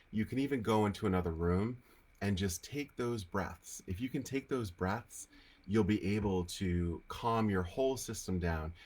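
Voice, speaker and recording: Low-voiced, nasal Rhode Island man. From Rhode Island, United States. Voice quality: nasal, congested. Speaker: host of a live Q&A. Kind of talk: casual spiritual teaching, answering viewer questions. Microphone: on camera with lighting setup.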